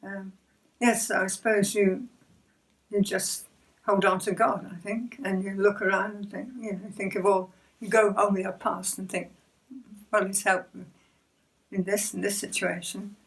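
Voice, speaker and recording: An older woman telling her personal faith story in a hesitant, gentle way, often repeating words and giving soft laughs. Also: medium pitch, level tone, unhurried, long pauses, distant mic, poor audio. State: emotional near the end. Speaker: church member sharing testimony.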